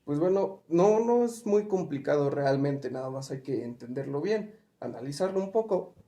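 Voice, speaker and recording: A man with a dark tone, fairly high pitch and lively intonation speaks at normal speed while patiently teaching spelling rules. He asks questions and works examples step by step, and the recording echoes roomily.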